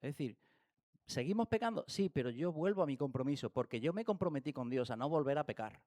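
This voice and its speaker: A man's voice: on the high side, expressive, brisk, a little mellow. A man with a Spanish accent from Spain giving a church Bible study lesson, asking rhetorical questions and acting out everyday examples. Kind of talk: church teaching talk. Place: church hall.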